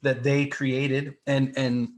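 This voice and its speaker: A man's voice: medium pitch, level tone, takes it slowly. A man co-hosting a comic book podcast, talking casually and acting out the panels with sound effects. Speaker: podcast co-host.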